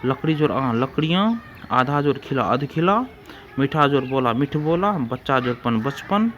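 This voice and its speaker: A man's voice: mid-range voice, a bit bright, slight background noise. A man teaching an exam-prep grammar lesson, repeating rules and examples and calling his listeners friends.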